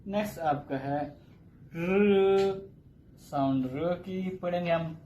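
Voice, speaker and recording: A man teaching a recorded language lecture, slowly drilling single sounds and repeating and explaining each one. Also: sits high, muffled recording, a little hiss or hum. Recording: echoey room.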